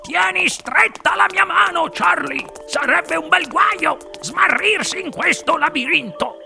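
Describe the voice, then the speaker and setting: A man's voice: very high voice, unhurried, creaky, pushed and bright, faint music behind, pitched above the performer's own voice, exaggerated voice. A man voicing an anxious, caring old grandfather who speaks with urgency and a raised voice. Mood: urgent.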